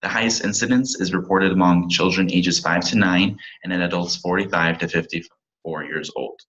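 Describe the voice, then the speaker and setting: Low-voiced young man presenting slides. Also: fairly even intonation, normal speed, a bit bright, muffled recording. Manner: reads from slides, with small slips and restarts. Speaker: pharmacy student presenter.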